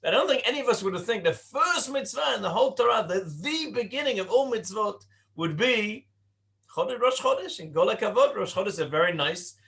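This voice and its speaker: A man raised in Britain teaching a Torah class to young adults in a conversational way, asking rhetorical questions and slowing down to stress points. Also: high voice, lively intonation, gravelly, a bit bright. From Britain (born in Leicester, raised in Cardiff).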